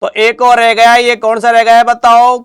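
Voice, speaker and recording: A Hindi grammar teacher with a Rajasthani accent and a very high voice. He runs a spelling drill, asking the class questions and then drawing out each answer slowly. His voice is smooth and clear. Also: monotone, fairly bright tone. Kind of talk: spelling lesson.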